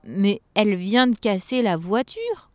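A fussy little male elf, voiced by a woman, raised well above her own pitch and talking in an indignant, drawn-out way. A storybook character who is quick to take offense. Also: a little mellow, slight background noise. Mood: shocked.

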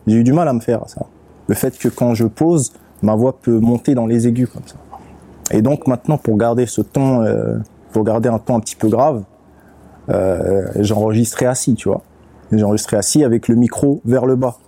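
A man, a rapper and beatmaker, speaking as a guest in a casual interview, relaxed and unhurried, often pausing to search for his words. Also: medium pitch. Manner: relaxed, unhurried, with many fillers and restarts.

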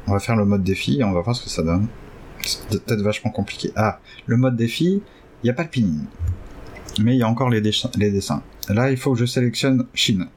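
A man hosting a casual chat who hesitates a lot and jumps up excitedly in pitch now and then. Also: brisk, slight background noise. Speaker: podcast host learning Chinese.

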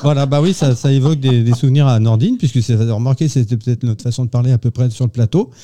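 A man's voice: medium pitch, fast, mellow, a little hiss or hum. A man hosting a radio interview, joking and teasing his guests. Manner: jovial, teasing questions. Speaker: radio host. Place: radio studio.

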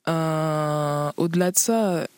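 Invitée autrice, femme, parole hésitante pleine de « euh », son sec et proche. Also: female voice, deep voice, takes it slowly, darkish tone, clean tone, no room sound. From Paris region, France. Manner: hesitant, many fillers, frequent laughs. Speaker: author guest. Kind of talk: interview conversation.

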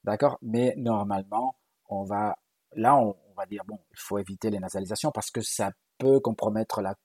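Husky Spanish-accented man, low voice. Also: normal speed, darkish tone, no echo. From Galicia, Spain. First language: Galician. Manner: thoughtful, hesitant with frequent fillers and restarts. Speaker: guest linguist. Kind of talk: conversational interview.

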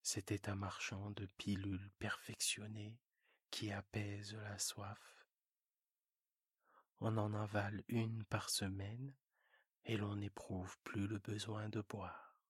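A storyteller reads a sleep story in a near-whisper, drawn out and breathy. The sound is dry and close, without any room echo. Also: deep voice, flat delivery. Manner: very slow, soft, whispery. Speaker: bedtime story reader. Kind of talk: scripted narration for sleep.

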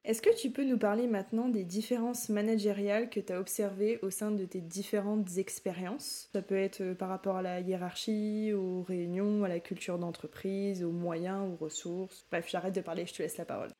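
Casting: woman podcast host, warm mellow tone, curious interviewer. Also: medium pitch, little pitch movement, moderate pace, few pauses. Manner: curious, friendly questioning, sums up answers. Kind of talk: casual interview questions.

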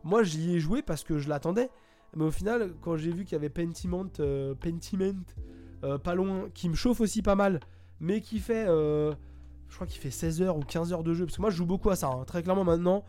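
A man talks through a video game review at his computer, pausing often and restarting his sentences. His voice sits a little high for a man but sounds mellow and soft-edged. Faint music plays behind him. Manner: hesitant, many fillers and restarts. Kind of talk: casual spoken game review. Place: home, at a computer.

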